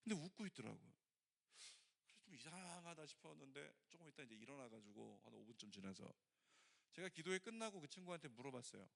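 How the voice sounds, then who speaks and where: A middle-aged male pastor preaching a sermon, telling a story with lively acted-out quotes. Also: fairly high pitch, fast talker, creaky. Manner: animated storytelling, acts out quoted voices.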